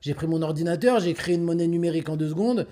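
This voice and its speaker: A man's voice: fairly high pitch, dark tone, close to an everyday voice. A man voicing a boastful young fake tycoon who brags absurdly in slang. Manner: fast, cocky bragging with slang.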